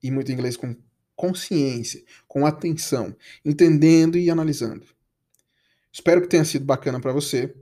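Brazilian man, English teacher, chatty coaxing audio lesson, fairly high and warm voice. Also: normal speed. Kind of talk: casual podcast lesson.

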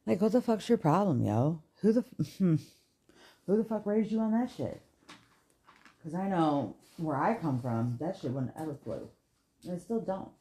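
A woman's voice: on the low side, animated, measured pace, mellow, slightly rough. A woman with children ranting in a casual podcast monologue, blunt and heavy on profanity. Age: adult with children. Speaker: podcast host.

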